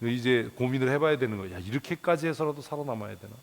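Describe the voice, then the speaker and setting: In a church, a male pastor delivers a Bible devotional bluntly and colloquially, throwing out rhetorical questions, muttering curses, and chuckling as his pitch sometimes jumps up. He talks fast and animatedly with vocal fry.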